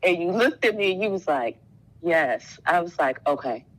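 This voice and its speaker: A woman in casual chat, telling an animated story, acting out quotes and laughing often. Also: on the low side, moderate pace, low-quality recording. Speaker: student.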